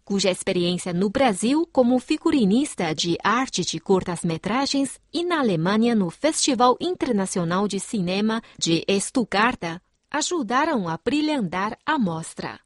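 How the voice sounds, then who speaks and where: A woman narrating a news report in an even, measured reading voice. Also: medium pitch, dry recording, clean studio sound.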